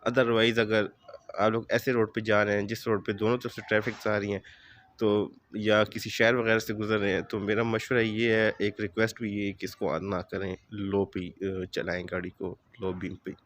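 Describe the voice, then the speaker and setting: A man with a sore throat explaining car modifications in a casual video, speaking in a measured, advising way with frequent fillers. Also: fairly low pitch, flat delivery, a bit bright. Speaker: car vlogger. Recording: faint background noise.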